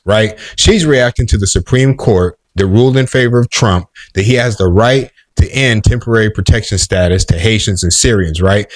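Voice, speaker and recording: Indignant man ranting in commentary. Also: lowish voice. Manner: indignant, repeating "right?". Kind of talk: heated opinion commentary.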